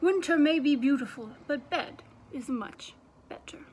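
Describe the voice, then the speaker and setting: A grumpy, bed-loving male toad from a children's storybook, loud and complaining, as a woman reading aloud puts him on. The voice still sits fairly high. Faint noise runs beneath it. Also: lively intonation, a little slow. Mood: grumbling.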